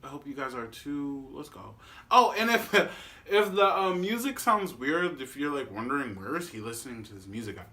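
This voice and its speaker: A man reacting to songs in his living room, gushing, swearing and shouting in bursts as the music plays. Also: medium pitch, lively intonation, normal speed. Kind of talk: casual reaction commentary. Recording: loud music playing in the room. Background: loud music from a room speaker.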